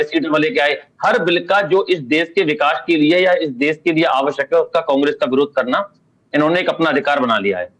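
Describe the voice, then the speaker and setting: A man's voice: fairly high pitch, a bit bright, rough recording. A man argues as a party spokesperson on a televised panel, speaking in a slightly raised register. He is combative and keeps talking over the other guests. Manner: combative, talks over opponents. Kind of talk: heated TV panel debate.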